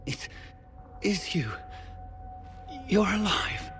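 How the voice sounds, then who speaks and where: An actor playing a tortured, dying male knight who speaks weakly and haltingly, in pain. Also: high voice, fairly bright tone, long reverb tail, faint music behind, exaggerated voice. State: weak, in pain. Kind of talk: video game voice acting.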